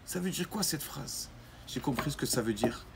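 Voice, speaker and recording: A rabbi, a man, telling a religious story in a lively way, acting out the quoted voices and correcting himself as he goes. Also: medium pitch, noisy background. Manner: pauses to correct himself mid-sentence. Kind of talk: storytelling Torah lesson.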